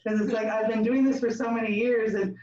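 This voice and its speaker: A woman's voice: a little high, steady tone, warm tone. A woman leading a laughter yoga session, drawing out chants and cues and laughing often between them. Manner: slow, drawn-out chanting with frequent laughs. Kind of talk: guided group exercise. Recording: roomy, distant, dull sound.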